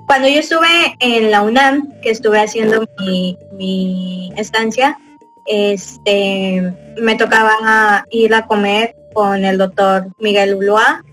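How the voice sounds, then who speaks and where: A woman's voice: mid-range voice, fairly bright tone, rough recording. A young woman with a Mexican accent chatting casually as a podcast host, rambling with lots of fillers and little chuckles. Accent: Mexican Spanish. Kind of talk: casual chat.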